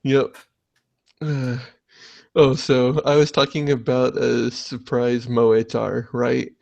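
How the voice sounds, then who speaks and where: A young man hosting a casual podcast, chatting excitedly and swearing often. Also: mid-range voice, takes it slowly, creaky, muffled recording. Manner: excitable, swears a lot, animated. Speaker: podcast host.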